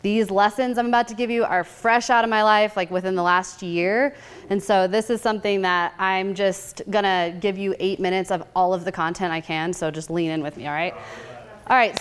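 A woman in her thirties giving an energetic, candid teaching talk about her own hard years, laughing at herself. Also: medium pitch, clean tone. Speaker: guest speaker.

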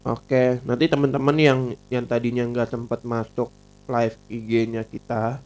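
A man's voice: mid-range voice, little pitch movement, a little slow, darkish tone. A man with an Indonesian accent and a slight self-described lisp, hosting an informal live stream and often repeating his phrases. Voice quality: self-described slurred R and L speech. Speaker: live stream host and podcaster. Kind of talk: casual live stream chat.

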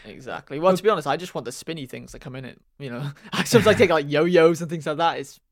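Giggly lad, dry close sound. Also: male voice, fairly high pitch, animated, quick pace, no echo. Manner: chatty, laughs often, trails off with ums. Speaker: podcast co-host. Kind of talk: casual chat.

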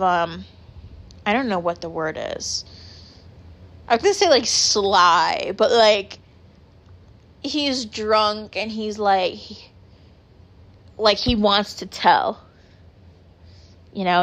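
A woman's voice: medium pitch, takes it slowly, long pauses, a bit bright. A woman hosting a casual chat, rambling with lots of filler words and casual swearing. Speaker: podcast host.

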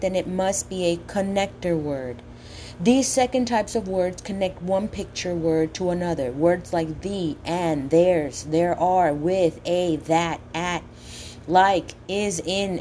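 Playing a coach, a woman reads a scripted motivational talk in an emphatic, deliberate way, frequently posing questions to the listener. Her voice is on the low side and warm, she lisps slushily on her s sounds, and there's slight background noise.

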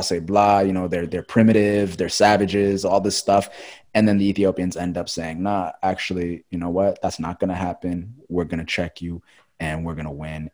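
Low husky young man chatting. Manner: animated storyteller, many fillers and restarts. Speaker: podcast co-host. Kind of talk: casual chat.

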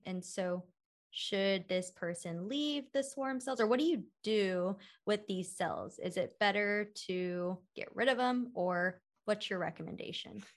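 A woman co-hosting a podcast, talking in a relaxed, conversational way with frequent fillers. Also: mid-range voice. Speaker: podcast co-host. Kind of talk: casual podcast chat.

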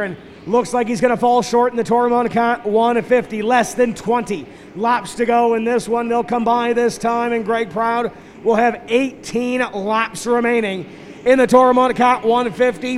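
A man's voice: very high voice, steady tone, normal speed. A man giving live play-by-play as a motorsport commentator at a stock car race. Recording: noisy trackside ambience.

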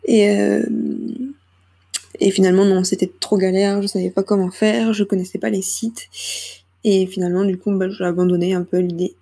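A woman's voice: medium pitch, level tone, normal speed, gravelly, warm tone, breathy edge. A young woman hosting her own podcast, rambling casually with hesitations and self-deprecating asides, into a small microphone. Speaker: podcast host. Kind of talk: casual solo podcast chat.

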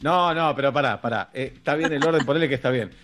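A man's voice: mid-range voice, fast. A man with an Argentine accent hosting a radio interview, teasing and chatting with short interjections. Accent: Argentine Spanish. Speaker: radio host. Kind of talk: casual interview chat.

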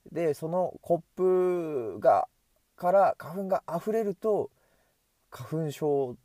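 Mellow-voiced man rambling with a runny nose. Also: mid-range voice, no room sound. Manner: chatty and self-amused, talks to himself. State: runny nose from hay fever. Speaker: solo podcaster. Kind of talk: casual rambling monologue. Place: outdoors on a street, walking. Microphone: earbud headset mic.

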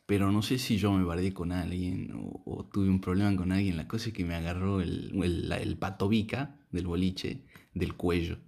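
A man's voice: low voice, steady tone, normal speed, gravelly, darkish tone. A young man with an Argentine accent telling a rambling story in casual chat, full of slang and fillers. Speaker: podcast co-host telling a story.

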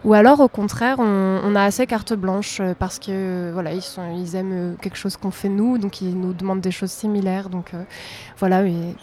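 A woman's voice: medium pitch, fairly even intonation, moderate pace, mellow. A young woman from south-east France, a singer-songwriter, answering interview questions in a conversational way.

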